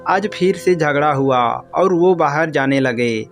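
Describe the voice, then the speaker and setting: A troubled young housewife, voiced by a male narrator, speaks gently and wearily. The delivery is slow and unhurried, with a slightly raised pitch. Soft music plays faintly underneath. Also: close to an everyday voice. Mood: sad. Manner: gentle, weary and sad.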